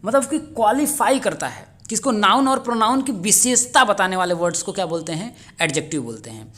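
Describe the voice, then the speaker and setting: A man teaching as a channel host, going through an exam paper. He keeps asking rhetorical questions and answering them himself, and reads English questions out slowly, word by word. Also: sits high, expressive, a bit bright. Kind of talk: exam paper solution lesson.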